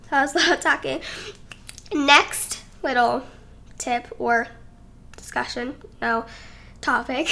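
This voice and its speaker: A woman's voice: high-pitched, pushed and bright. A young woman, likely a teen vlogger at home, chatting casually and rambling a little, slightly out of breath, into a desk microphone. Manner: chatty and rambling, giggly, self-conscious. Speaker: YouTuber. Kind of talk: casual sit-down vlog talk. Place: home, indoors.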